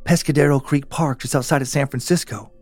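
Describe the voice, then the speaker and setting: A man voicing a wary young woman trapped with strangers, asking quiet, thoughtful questions in a whisper. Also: medium pitch, steady tone, a little fast, dry recording, soft background music, lightly acted.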